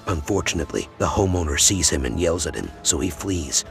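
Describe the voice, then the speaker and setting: A man's voice: low-pitched, expressive, fairly quick, vocal fry, over loud music. A man reading scripted narration for a compilation of crime clips.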